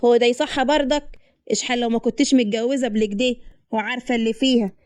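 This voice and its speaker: A woman's voice: a little high, steady tone, quick pace, darkish tone, no room sound, studio quality, close to an everyday voice. A woman doing a needling mother-in-law. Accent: Upper Egyptian Arabic. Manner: mocking, needling. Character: sharp-tongued meddling mother-in-law.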